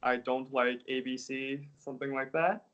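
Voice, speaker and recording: A laid-back young American man, an English teacher, answers casual interview questions in a medium-pitched voice at a moderate pace. The audio is muffled, and he speaks relaxedly, hedging with "like" and "I guess."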